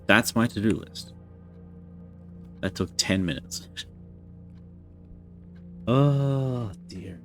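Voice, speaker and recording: A man's voice: on the low side, drawn-out words, pauses often, a bit bright, faint music behind. A man streaming a video game live, chatting casually and rambling to his viewers. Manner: rambling, chatty, self-deprecating.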